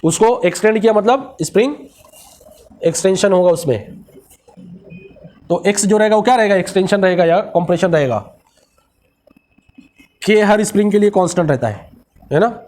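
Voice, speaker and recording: In a classroom lecture, a man with a raised, high pitch teaches physics in Hindi with a Marathi-influenced accent, slipping English technical terms into his sentences. He keeps posing questions to the students and answering them himself. His intonation is lively and his tone darkish, at normal speed with frequent pauses.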